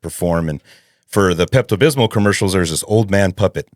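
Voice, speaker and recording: A man with a low, deep voice chats as a podcast guest. He is a voice actor and comedian who tells stories with a lot of energy and laughs easily. The recording sounds close and dry. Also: brisk, dry recording. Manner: animated storyteller who laughs often. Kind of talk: casual chat.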